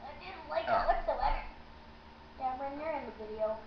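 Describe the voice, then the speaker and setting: A woman's voice: high voice, a little fast, vocal fry. A female speaker in casual, playful, bickering chat, using slangy words in a homemade video. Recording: lo-fi, echoey, very noisy home recording.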